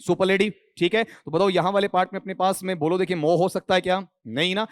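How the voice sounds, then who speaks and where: A man with a fairly high voice lectures a room of students. He fires questions at the class and answers them himself. The sound is close and dry. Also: steady tone, quick pace, dry recording. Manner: mixes English grammar terms into his Hindi. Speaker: English teacher.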